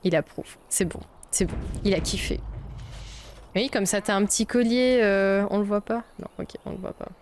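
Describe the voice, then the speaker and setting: Over faint game music, a streamer from Belgium plays a video game in a casual let's-play, thinking out loud and cursing frequently. The young woman's voice is mid-range and darkish, at normal speed, with a slight hiss or hum.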